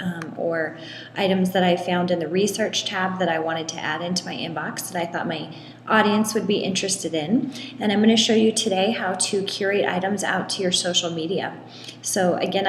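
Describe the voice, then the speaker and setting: A woman giving a step-by-step screen tutorial in an echoey room with long reverb, talking in a relaxed way with frequent ums. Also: on the low side, a little hiss or hum. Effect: echoey room with long hall-like reverb. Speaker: tutorial presenter.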